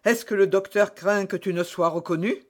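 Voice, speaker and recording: A vain, hearty musketeer, put on by a male reader, booming out scoffing exclamations in a raised voice. He sounds proud and a little pompous in this storybook telling. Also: moderate pace, natural voice. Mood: blustering. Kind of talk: audiobook reading.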